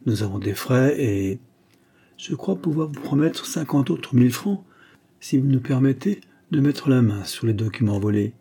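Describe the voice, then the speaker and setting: A man's voice: medium pitch, animated, moderate pace, creaky, dark tone, husky. A man voicing a boastful, cheeky Gascon private detective who talks with cocky self-assurance. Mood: assured.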